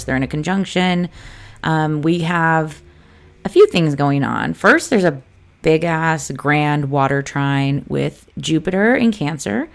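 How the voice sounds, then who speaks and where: A low-pitched woman with a gravelly vocal fry talks loosely into a close mic. She hosts her own astrology podcast in a chatty, informal way, full of asides and fillers. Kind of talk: casual solo podcast talk.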